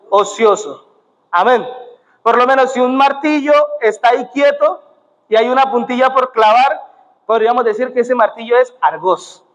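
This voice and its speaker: A young Colombian man preaches in a high voice, tossing in "amén" as he goes. His voice carries a long reverb from the church hall. The sound is muffled and dull. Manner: punctuates with "amén" and "gloria a Dios". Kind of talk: sermon. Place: church sanctuary.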